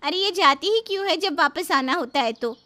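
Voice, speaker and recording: A woman's voice: very high voice, lively intonation, normal speed, background noise. A woman voicing a put-upon young daughter-in-law who complains and defends herself. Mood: complaining.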